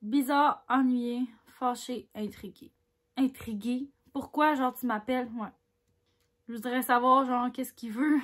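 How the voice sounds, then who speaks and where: Speaking a little slowly with a slightly high voice, a woman with a Québécois French accent reads quiz questions aloud and answers them frankly in casual chat. She raises her volume for each question, then thinks through her responses with little laughs.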